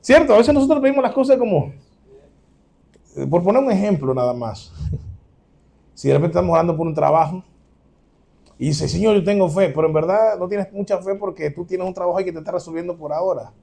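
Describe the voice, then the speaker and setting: Gravelly, mellow-voiced man preaching. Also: sits high, a little fast, pauses often. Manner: animated preaching with acted-out quotes, addresses listeners as brothers. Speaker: pastor. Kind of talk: sermon.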